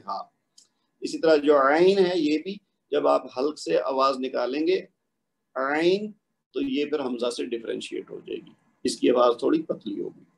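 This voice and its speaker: Gravelly-voiced man teaching letter sounds. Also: medium pitch, a little mellow. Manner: patient, explanatory, demonstrates letter sounds slowly. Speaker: Quran recitation teacher. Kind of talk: spoken tajweed lesson.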